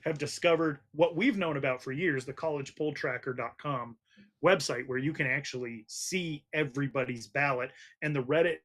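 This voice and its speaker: A man's voice: fairly high pitch, normal speed, fairly bright tone. Argumentative male football podcast host. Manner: argumentative, emphatic. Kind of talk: casual sports debate.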